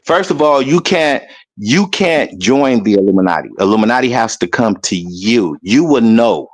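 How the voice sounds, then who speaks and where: A man in casual conversation, telling a rambling story and mimicking other people loudly as he goes. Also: medium pitch, expressive, normal speed. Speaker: guest.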